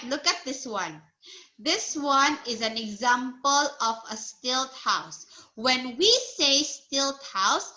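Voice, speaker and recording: In a lo-fi recording, a woman with a high, sharp-toned voice gives a one-on-one English lesson to a child. She speaks patiently and slowly, repeating words for the child to echo and praising each answer.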